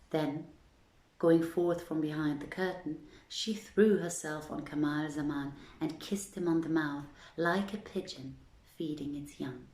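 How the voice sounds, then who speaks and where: Hosting a storytelling series, a woman opens with an informal introduction and then reads a literary story in a leisurely, conversational way. Her voice is deep and a little mellow. The room is echoey, with music playing underneath.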